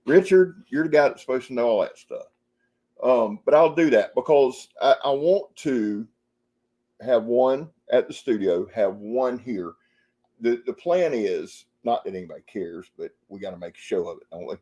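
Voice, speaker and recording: In a muffled recording, a man with a dark, animated mid-range voice speaks at normal speed. He's an outdoor channel host from the Jacksonville, Florida area, chatting on a live stream, greeting viewers by name and reading their comments in a rambling, folksy style.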